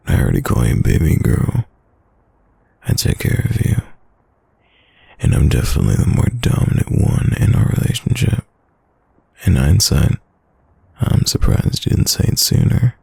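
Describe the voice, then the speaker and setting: A man playing a tender, protective, gently dominant boyfriend in a whispered role-play, murmuring intimately and soothingly in a breathy, gravelly low voice. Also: heavily acted. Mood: teasing, reassuring.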